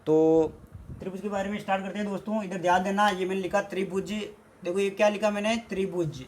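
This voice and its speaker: A man's voice: high-pitched, little pitch movement, fast talker, a little hiss or hum. A man from India, teaching an exam-prep math lesson at a board. He repeats his points and asks questions that he answers himself.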